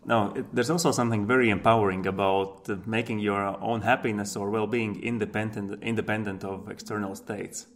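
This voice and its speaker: Low-voiced man, host, gravelly. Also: fairly even intonation, a little fast, few pauses. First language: Latvian. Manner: brief, agreeable replies. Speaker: podcast host. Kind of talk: casual interview talk.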